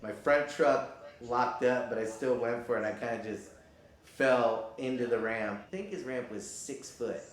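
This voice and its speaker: Laid-back skater man in an echoey room. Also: mid-range voice. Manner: laid-back, swears casually, acts out the people in his stories. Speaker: professional skateboarder. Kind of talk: casual storytelling in an interview.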